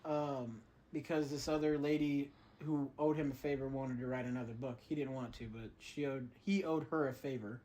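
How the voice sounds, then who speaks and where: A man's voice: mid-range voice, steady tone, normal speed, hardly any pauses, mellow, poor audio. A young man co-hosting a podcast, recapping a plot in a rambling way, with fillers and swearing. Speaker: podcast co-host. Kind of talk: casual chat.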